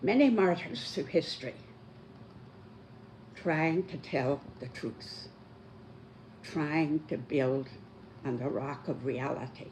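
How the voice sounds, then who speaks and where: A very old person in their nineties giving a prepared talk in a deliberate, emphatic elderly manner. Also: mid-range voice, a little mellow, slight background noise. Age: 90s.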